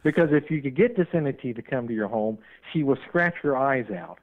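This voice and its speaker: A talkative man calls in as a paranormal investigator, explaining things at length in a rambling way. His voice sits at an ordinary middle pitch and comes through a narrow, tinny phone line. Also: animated, brisk. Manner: talkative, rambling, admits he runs on. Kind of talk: phone-in radio interview.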